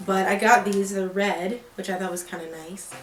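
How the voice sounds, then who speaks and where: A young woman chats casually to camera from her apartment, rambling through her story with plenty of fillers and false starts. Her voice sits at an ordinary pitch for a woman. The room gives it a roomy echo, with faint music underneath. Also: fairly even intonation, moderate pace. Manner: rambling, filler-heavy, with many restarts. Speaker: vlogger. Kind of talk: casual chat.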